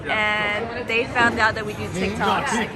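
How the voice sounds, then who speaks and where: A woman's voice: medium pitch, steady tone, slow. A woman travel vlogger chatting casually to the camera outdoors on city streets, exclaiming often. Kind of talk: casual vlog chat to camera. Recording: background music and crowd chatter.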